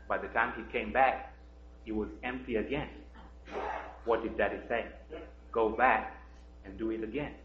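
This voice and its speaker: A man from Kenya, telling a story during a children's sermon, gently, with many "uh" fillers and questions to the kids. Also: on the low side, slight background noise. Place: church sanctuary. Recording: dull roomy church recording.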